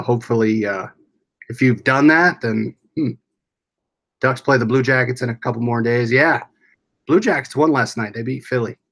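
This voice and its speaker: An American man with a mid-range, slightly bright voice hosts a casual livestream. He rambles along, reading viewers' comments aloud and answering them.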